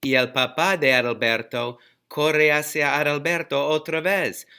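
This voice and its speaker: A man telling a simple story for language learners, slow, clear and repetitive. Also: on the high side, steady tone, pushed and bright.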